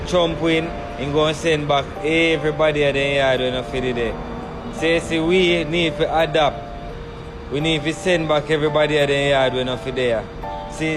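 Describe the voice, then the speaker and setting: A Jamaican man speaks an urgent, preachy commentary in a slightly high voice. Loud music plays under his voice. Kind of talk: ranting social commentary.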